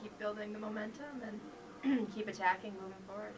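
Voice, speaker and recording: A woman's voice: medium pitch, brisk, far from the mic. A woman chatting casually and explaining things in an easygoing way as an athlete guest in an interview. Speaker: athlete guest on a radio show. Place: radio studio. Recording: off-mic sound with clear background noise.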